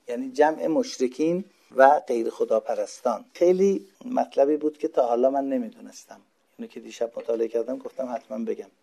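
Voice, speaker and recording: A man's voice: mid-range voice, vocal fry, darkish tone. A man giving a religious lecture, patiently explaining the meaning of Arabic words and asking himself questions that he then answers. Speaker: religious teacher.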